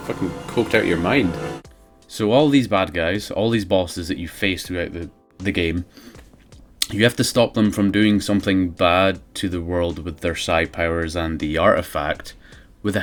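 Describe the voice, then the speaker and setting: A man's voice: low voice, moderate pace, faint music behind. A man giving casual, sardonic, sweary comedic commentary as a video game reviewer.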